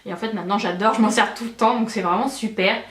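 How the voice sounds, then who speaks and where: A woman's voice: medium pitch, steady tone, quick pace, a bit bright, a little hiss or hum. A young woman beauty vlogger chatting casually and enthusiastically, with many fillers. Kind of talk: casual chat. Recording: echoey room, mic at a distance.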